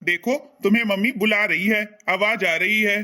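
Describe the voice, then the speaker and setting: A man's voice: high-pitched, fairly even intonation, normal speed, bright, forceful tone. A man playing a lazy young husband who grumbles about getting out of bed. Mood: grumbling.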